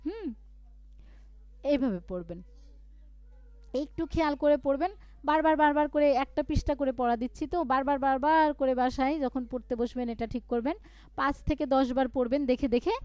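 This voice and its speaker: A woman teaching Quran reading in a live online class. She chants verses slowly and then explains quickly how to pause. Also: high voice, animated, warm tone, no room sound. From Bangladesh.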